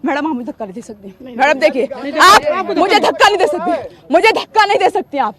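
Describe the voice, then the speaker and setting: A woman's voice: extremely high pitch, expressive, brisk, a crowd in the background. A woman field reporter questioning officials on the spot outdoors, insistent and confrontational, her voice breaking with emotion at times. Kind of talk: live on-the-spot news reporting. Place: outdoors at a police barricade.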